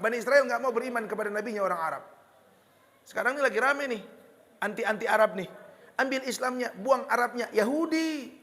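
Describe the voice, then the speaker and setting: A man with a Betawi accent preaching a lively, joking sermon, slipping into Betawi slang. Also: extremely high pitch, in a large hall. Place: hall with religious gathering.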